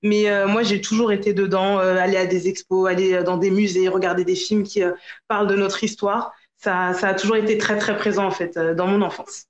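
A woman's voice: medium pitch, level tone, a little fast, echoey room, muffled recording. A woman from France, a podcast guest, talking casually and hesitantly with many fillers. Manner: hesitant, many fillers and restarts, laughs easily. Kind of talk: casual interview chat.

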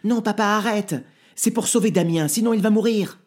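Un homme qui fait une petite fille angoissée, voix aiguë et légèrement soufflée, dans une histoire racontée. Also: male voice, medium pitch, animated, a little fast, vocal fry, darkish tone, breathy edge, pitched above the performer's own voice. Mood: pleading. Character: little girl, anxious and earnest.

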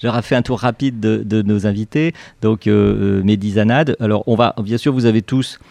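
A man's voice: on the low side, fairly even intonation, normal speed, gravelly, warm tone, no room sound. A man hosting a French radio talk show, easygoing and hesitant, with many fillers. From France.

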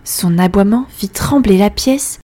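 A woman telling a fairy tale in calm, expressive scripted narration. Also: medium pitch, measured pace. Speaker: storyteller.

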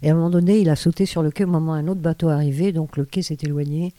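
A woman's voice: sits low, steady tone, rapid-fire, dark tone, no room sound. An older woman, a former radio host, telling rambling stories with many hesitations and restarts in an interview. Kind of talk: anecdotal storytelling.

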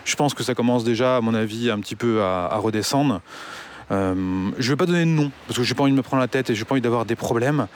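A man delivers a casual rant, blunt and crude, tripping over fillers as he goes. His voice sits at an ordinary middle pitch. A faint hiss of background noise runs under the recording. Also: fast. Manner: blunt, swears a lot, many fillers. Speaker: online business commentator.

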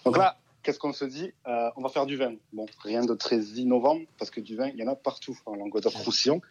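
A man's voice: mid-range voice, brisk, slightly rough. A man in his thirties with a southern French accent, a wine merchant talking as a guest in a radio interview, chatty and hesitant. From southern France. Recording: dull lo-fi sound.

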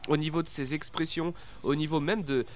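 A man's voice: fairly high pitch, steady tone, fairly quick, slight background noise. A man chatting casually about a film, with frequent fillers.

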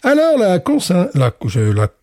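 A man's voice: high-pitched, huge pitch swings, a little slow, creaky, darkish tone, no room sound, clean studio sound. A man co-hosting a casual beer podcast, joking and punning as he presents the beer. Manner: playful, punning, self-mocking.

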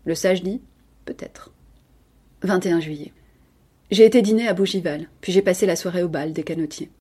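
Woman reader, measured literary narration, warm and breathy tone. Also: on the low side. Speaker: podcast reader. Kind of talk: literary audiobook reading.

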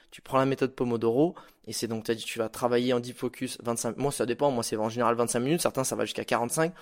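A man hosting a podcast, giving casual motivational advice in an informal, animated way, with slang and the odd swear word. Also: medium pitch. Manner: acts out stories with sound effects. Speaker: podcast host.

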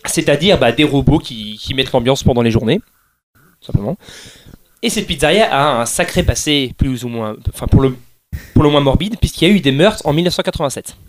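A man's voice: medium pitch, lively intonation, fairly quick. A man hosting a casual chat, explaining things at length with frequent restarts and laughs. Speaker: podcast host presenting a game series.

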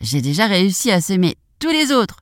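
A man's voice: sits high, big pitch swings, brisk, a bit bright, no room sound, studio quality. A woman voicing a cheeky, boastful little gingerbread man who taunts in a sing-song way. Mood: boastful taunting.

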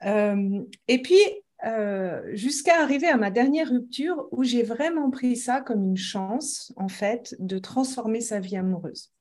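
Guest woman from Lyon, neutral French accent, slightly high voice, hesitant. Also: measured pace, a little mellow. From France, Lyon. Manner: hesitant, many fillers, reflective. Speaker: guest, love coach. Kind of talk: casual interview chat.

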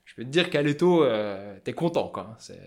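A man with a Vosges accent, a fly-tying business owner talking loudly and passionately as an interview guest. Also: mid-range voice, expressive, normal speed. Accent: Vosges French. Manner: loud, passionate, talkative. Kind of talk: casual interview chat.

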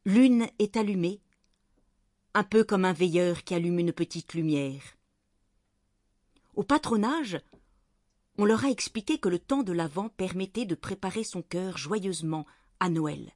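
A woman reads a children's Christmas story aloud in a clear, gentle, measured voice. Her pitch sits on the lower side for a woman. The recording is dry and close, with no room sound. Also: lively intonation, no room sound. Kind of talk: storybook narration read aloud.

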